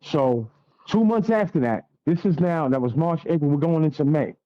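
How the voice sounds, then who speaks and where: A man's voice: a little high, lively intonation, normal speed, dull audio. A man, telling a blunt, profane story as a guest on a radio interview. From Staten Island, New York.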